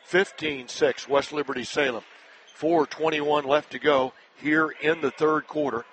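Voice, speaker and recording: A man announcing a live high school basketball game play-by-play, brisk and climbing higher and louder when a play breaks open. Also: fairly even intonation, rough recording. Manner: brisk, rising sharply in pitch and volume on big plays. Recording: broadcast with loud crowd noise.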